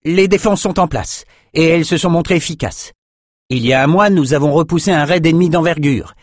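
A man voicing an eager young soldier giving a formal report to his general, loud and crisp. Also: fairly high pitch, brisk, no room sound, clean studio sound, pitched above the performer's own voice, natural voice. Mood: dutiful.

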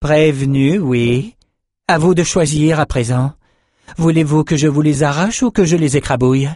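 A man's voice: on the high side, moderate pace, darkish tone, no echo, pitched above the performer's own voice, close to an everyday voice. A merciless sorceress, voiced by a male audiobook narrator, taunts in a raised, cutting tone. The sound is dry and close. She sounds cold and utterly in control. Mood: threatening. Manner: taunting, icy threats. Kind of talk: audiobook character voice.

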